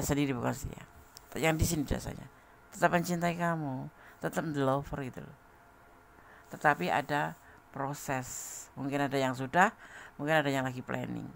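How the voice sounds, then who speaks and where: Very gravelly man reading tarot. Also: fairly high pitch, slight background noise. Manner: chatty, laughs often, speaks straight to the listener. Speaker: tarot reader. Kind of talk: casual tarot reading to a viewer.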